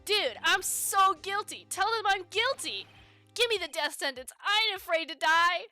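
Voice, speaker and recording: A woman voicing a distraught, melodramatic young man in a game playthrough, shouting and wailing. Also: very high voice, expressive, moderate pace, no room sound, soft background music, pitched above the performer's own voice, exaggerated voice. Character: loud distraught young male friend.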